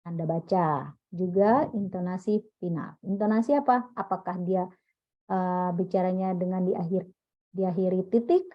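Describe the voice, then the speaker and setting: A woman's voice: fairly low pitch, measured pace, highs cut off. A woman teacher giving a classroom lecture, explaining step by step and quizzing her listeners with questions as she goes.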